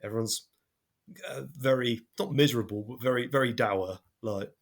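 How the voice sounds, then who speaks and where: A man's voice: medium pitch, moderate pace. A young man with a broad Devon accent, chatting on a podcast about running his game, rambling and self-deprecating. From Devon, England. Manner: rambling, self-deprecating, full of fillers and restarts. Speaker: podcast host and game master. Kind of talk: casual podcast chat.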